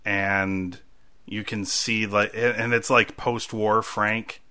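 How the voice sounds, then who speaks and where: A man co-hosting a casual chat, rambling and acting out quotes in sudden loud bursts. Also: on the low side, little pitch movement, takes it slowly, clear, resonant tone. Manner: rambling, acts out quotes loudly.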